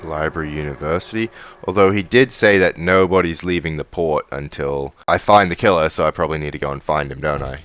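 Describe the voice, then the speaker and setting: A man's voice: rumbling low, a little fast, a bit bright, dull audio. A man giving casual game commentary as a let's play host, thinking aloud as he goes. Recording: music under the voice.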